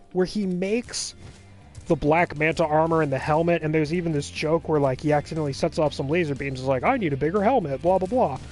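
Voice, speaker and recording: A man with a voice that sits high hosts a let's play, chatting casually as he recaps a film. His delivery is rambling and animated, packed with fillers.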